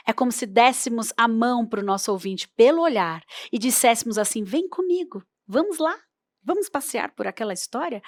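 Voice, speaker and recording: A woman's voice: medium pitch, no echo, clean studio sound. A woman teaching oral storytelling in a workshop, playful and demonstrative as she varies her voice. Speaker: storytelling instructor.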